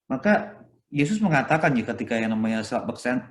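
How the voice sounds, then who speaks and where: An Indonesian-accented male priest delivers a relaxed, conversational homily, voice sitting at an ordinary middle pitch. He talks loosely, tacking on little tags and dropping in English words. The recording carries a noticeable room echo. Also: brisk. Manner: conversational, peppered with "gitu ya" tags; mixes English phrases into his speech. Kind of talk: sermon. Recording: echoey room.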